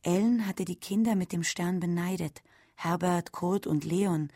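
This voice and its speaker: A woman reading a literary story aloud, softly and at times almost whispering. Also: on the low side, dry recording, studio quality. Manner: slow, soft, sometimes near a whisper. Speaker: reader.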